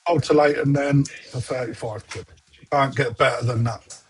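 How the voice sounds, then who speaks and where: A man's voice: medium pitch, fairly even intonation, normal speed, slight background noise. A man hosting a casual online fish auction, chatty and a bit distracted as he juggles several windows. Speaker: online koi auction host. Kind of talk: casual livestream auction chat.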